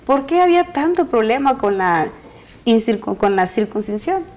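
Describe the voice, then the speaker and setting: A woman's voice: a little high, very animated, normal speed, a little mellow. Woman, host, Bible study talk show, welcoming, asks questions, studio voice.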